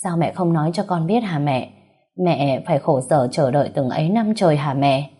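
A woman's voice: low-pitched, lively intonation, normal speed, warm tone, breathy edge. A woman voicing a young adult daughter who pleads through tears, in a storybook reading. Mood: tearful. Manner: sobbing, pleading.

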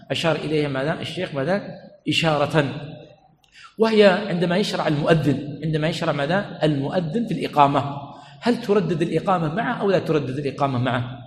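Quick, echoey man teaching a mosque class. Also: fairly high pitch. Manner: keeps asking "what?" and has listeners finish the word, repeats key phrases. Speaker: religious teacher. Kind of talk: Islamic study lesson. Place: mosque learning center hall. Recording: echoey hall, faint room noise.

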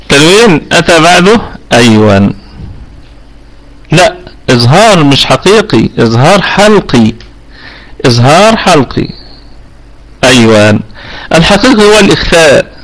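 A man's voice: fairly high pitch, a bit bright, low-quality recording. A man with an Egyptian accent teaching Quran recitation rules in a live online lesson, patiently asking students questions and repeating sounds to demonstrate them. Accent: Egyptian Arabic. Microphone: computer mic for online voice chat.

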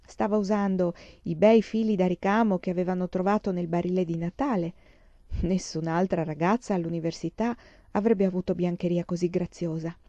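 A woman reading a storybook aloud in a calm, measured narration. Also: lowish voice, no room sound, highs cut off. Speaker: audiobook reader.

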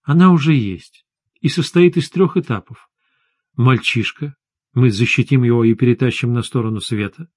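A tired, stern sorceress speaks in low, measured tones, voiced by a man reading an audiobook. The voice sits at a middling pitch. The recording is dry and close. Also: darkish tone, no echo, natural voice. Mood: grave. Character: weary, stern female sorceress.

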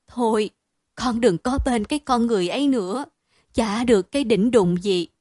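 A woman voicing a distraught, doting mother who wails and scolds loudly, in a dry, close reading. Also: a little high, normal speed, dry recording, natural voice. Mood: wailing, scolding. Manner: loud, wailing, scolding.

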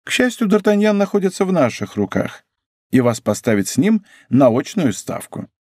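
Stern male police commissioner, voiced by a man, interrogating, slightly raised pitch. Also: sing-song, normal speed, a little mellow, no room sound, studio quality. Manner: interrogating, accusing. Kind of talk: audiobook character voice.

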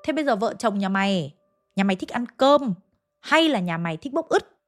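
A woman's voice: mid-range voice, very animated, moderate pace, soft background music, natural voice. A woman with a Hanoi accent voicing a feared young village woman who speaks curtly and threateningly. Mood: menacing. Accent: Hanoi Vietnamese.

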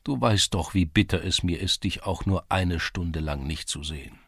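A man's voice: deep voice, moderate pace, a bit bright, breathy edge, no room sound, clean studio sound, heavily acted. A man voicing an ardent young lovesick Cossack in an audiobook, pleading and tender. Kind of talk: audiobook character reading.

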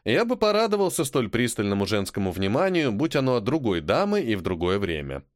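A man reading a first-person audiobook with wry, sardonic humor. His delivery is highly animated, rising and falling a lot, at a middle pitch. The recording is close and completely dry. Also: fairly quick, no room sound. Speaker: audiobook narrator.

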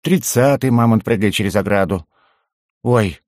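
A man's voice: lowish voice, moderate pace, darkish tone, no echo, pitched above the performer's own voice, natural voice. A man voicing a mischievous young male goblin jester with a cheeky, pestering manner, in a dry, close recording. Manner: cheeky, pestering, innocent-sounding.

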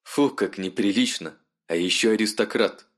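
A man's voice: medium pitch, expressive, fairly quick, voice pushed up, natural voice. A man voicing a sly, mocking noblewoman who talks down to her caller.

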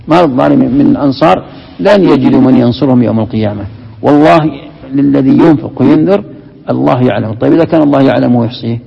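Gravelly-voiced sheikh teaching in a hall. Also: male voice, mid-range voice. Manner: explains step by step, asks and answers his own questions. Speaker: sheikh teaching Quran commentary. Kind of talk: classroom lesson on Quran commentary. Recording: dull, lo-fi recording in a reverberant hall.

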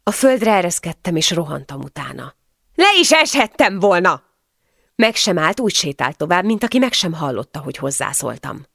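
A woman's voice: sits low, lively intonation, gravelly, few pauses, slightly rough, no echo, studio quality. A woman narrating a first-person novel as an audiobook, with emotional storytelling.

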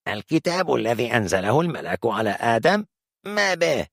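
A man voicing a hostile, impatient armed young man who interrogates harshly, in a gravelly, husky voice. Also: big pitch swings, brisk, fairly bright tone, dry recording, clean studio sound, exaggerated voice. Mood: harsh, demanding. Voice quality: gravelly, husky, higher than narrator. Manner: harsh, threatening, demanding questions. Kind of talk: audiobook character voice.

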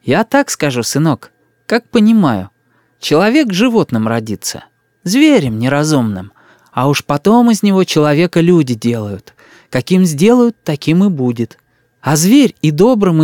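A kindly old country woman, as a man puts her on, fussing in a lilting, folksy way. Her pitch is raised and moves a lot. The recording is dry and close. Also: sing-song, normal speed, darkish tone, no room sound. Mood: homely. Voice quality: soothing, sing-song folksy speech.

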